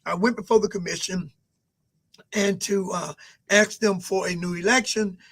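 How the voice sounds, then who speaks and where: Man in his sixties, slightly high voice, measured speech, frequent fillers. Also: fairly even intonation, a bit bright, husky. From Albany, Georgia. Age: 60s. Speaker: mayoral candidate guest. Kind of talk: interview answers.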